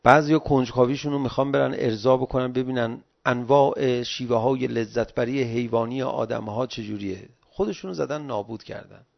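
Middle-aged man, sermon, pleading exclamatory delivery, gravelly, dull lo-fi recording. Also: medium pitch, hardly any pauses. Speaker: religious lecturer. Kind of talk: sermon-like religious talk.

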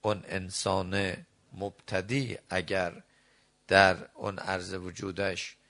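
A middle-aged man preaching a sermon, reciting verses and scripture and then explaining them, moving between slow deliberate phrases and quick asides. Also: deep voice, little pitch movement, a bit bright. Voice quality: gravelly.

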